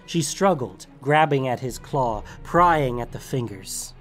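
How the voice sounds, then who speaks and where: A man narrates a fantasy tale in a mid-pitched voice, with faint music underneath. His storytelling is dramatic but steady. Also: measured pace.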